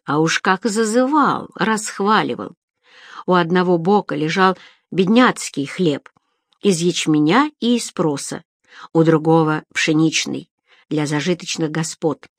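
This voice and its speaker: A woman narrating a story aloud in an even, expressive manner. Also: low-pitched, a little slow, no echo, clean studio sound. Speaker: audiobook narrator. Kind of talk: scripted narration.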